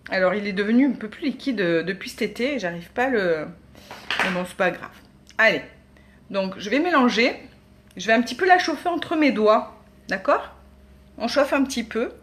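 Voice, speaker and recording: A woman's voice: medium pitch, expressive, normal speed, fairly bright tone, slight background noise. A woman, chatting casually as a beauty vlogger demonstrating makeup, with many hesitations. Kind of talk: casual product demo.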